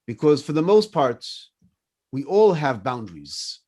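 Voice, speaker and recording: A husky, fairly high-pitched man's voice moves at a measured pace as this rabbi in his fifties, a native French speaker, leads a morning class. He teaches with energy, telling personal stories and asking his listeners questions again and again.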